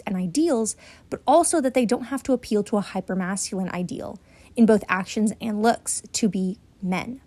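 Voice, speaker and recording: A woman's voice: medium pitch, darkish tone, dry recording. A woman narrating a scripted video essay in an earnest, explanatory way.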